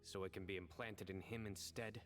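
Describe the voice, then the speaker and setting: Low, solemn game guardian. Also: male voice, fairly even intonation, fairly bright tone. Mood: solemn, firm. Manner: solemn, deliberate. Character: stern, resolute male guardian, protective and solemn. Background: music.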